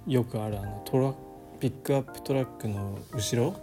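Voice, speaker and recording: A man's voice: medium pitch, brisk. A man talking casually and informally as the co-host of a radio chat show. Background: background music.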